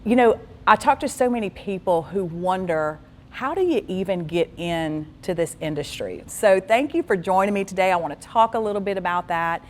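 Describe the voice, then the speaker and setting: A woman's voice: mid-range voice, lively intonation, normal speed, slight background noise. Gracious woman hosting a panel. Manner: warm, gracious, thanking. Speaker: interviewer, panel host. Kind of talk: panel interview.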